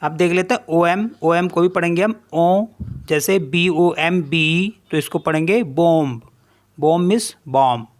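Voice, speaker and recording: A teacher giving a French pronunciation lesson, spelling each word letter by letter and then repeating how it is read. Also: medium pitch. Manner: slow, deliberate explanation. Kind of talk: online language lesson.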